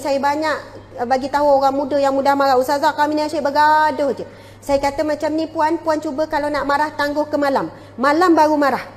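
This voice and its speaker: Malaysian woman religious teacher, high bright pitch, lively lecturing with acted-out dialogue, long hall echo. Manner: lively, acts out household dialogue.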